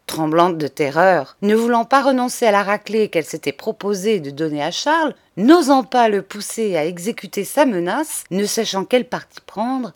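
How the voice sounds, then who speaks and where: A woman narrating an audiobook with clear, expressive storytelling. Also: mid-range voice.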